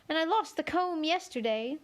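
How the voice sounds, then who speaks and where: A flustered, helpless storybook queen, all pins and worry , played by a woman reading aloud. She speaks in a high, plaintive flutter that climbs toward a squeak when she gets excited. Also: normal speed. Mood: fussy.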